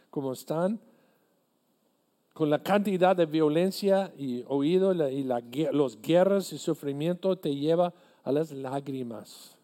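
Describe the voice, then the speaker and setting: Slow, mellow-voiced male preacher. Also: a little high. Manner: earnest, deliberate preaching with halting restarts. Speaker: pastor. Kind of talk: sermon.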